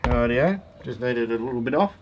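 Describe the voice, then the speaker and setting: With lively intonation and normal speed, a mid-range male voice delivers a casual, matter-of-fact DIY tutorial full of laid-back slang. He's an Australian in his forties who hosts a four-wheel-driving how-to channel, filming outdoors in a driveway and around vehicles. The sound is lo-fi, with noticeable background ambient noise.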